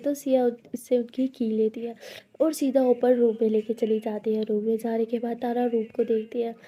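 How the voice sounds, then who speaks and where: A woman's voice: on the high side, warm tone, slightly rough. A woman narrating a romance story in a plain, conversational way.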